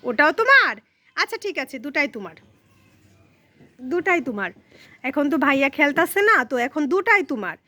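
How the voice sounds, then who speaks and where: A woman's voice: high voice, big pitch swings, moderate pace, long pauses, pushed and bright. A woman filming and narrating a casual family vlog, coaxing her small daughter while talking to viewers.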